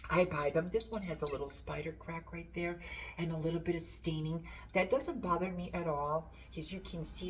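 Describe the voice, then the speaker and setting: A woman's voice: sits low, slight background noise. A woman from Portugal with a Portuguese accent, chatting enthusiastically and rambling a little as she shows pieces from her shop. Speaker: antiques seller. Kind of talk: casual show-and-tell.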